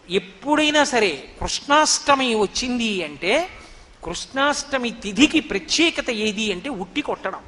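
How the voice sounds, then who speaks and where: A man giving an animated devotional discourse, telling a sacred story and chanting verses slowly. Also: very high voice, in a large hall.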